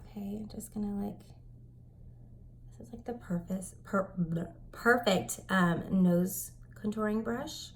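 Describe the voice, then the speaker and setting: A young woman chatting at home through a makeup tutorial, rambling with lots of fillers and dropping into soft whispered asides. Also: mid-range voice, unhurried, a little hiss or hum. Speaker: beauty vlogger.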